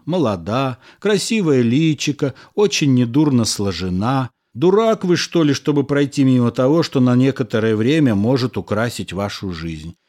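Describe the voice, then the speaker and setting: A male narrator plays a composed, sardonic husband, a middle-aged engineer who reasons through things, in a medium pitch. His audiobook reading sounds ironic, patient and lecturing.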